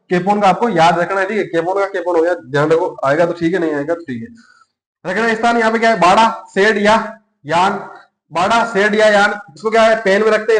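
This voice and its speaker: Rajasthani male coaching teacher: quick, high, self-questioning patter, roomy classroom sound. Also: fairly bright tone. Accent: Rajasthani Hindi. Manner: chatty, repeats points and asks himself questions. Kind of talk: classroom lecture with memory tricks.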